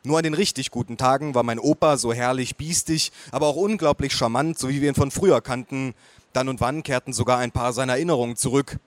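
A man reading a first-person audiobook in a calm, measured way with a wry edge. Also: medium pitch, no room sound. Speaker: audiobook reader.

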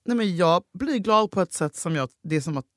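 Bright, animated woman podcast co-host. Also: lowish voice, no echo, clean studio sound. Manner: animated storyteller, bursts into loud excited acted-out lines. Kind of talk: casual chat.

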